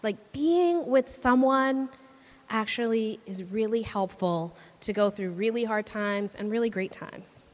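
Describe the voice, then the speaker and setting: A woman's voice: fairly high pitch, measured pace. A woman giving a casual, chatty sermon to a church, laughing often and checking in with the audience with "right?". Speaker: church speaker. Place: church hall. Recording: long hall reverb.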